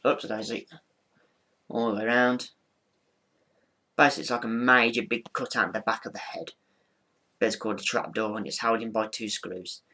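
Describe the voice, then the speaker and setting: A man's voice: lowish voice, bright, forceful tone. A man giving an informal hands-on explanation in a rambling, matter-of-fact way, often repeating himself. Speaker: ventriloquist presenting his figure.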